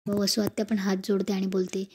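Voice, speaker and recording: A woman's voice: medium pitch, flat delivery, fairly quick, a little mellow, slightly rough. A woman retelling a TV serial episode and reading out every character's lines in her own voice. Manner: plainly recounts each scene, reading out every character's lines herself. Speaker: serial recap narrator.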